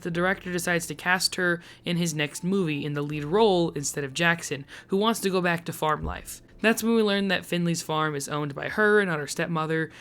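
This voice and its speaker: A man with a hoarse voice, still recovering from the flu, giving a candid, critical movie review and chatting casually to his viewers. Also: a little high, a bit bright. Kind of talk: movie review narration and casual to-camera chat.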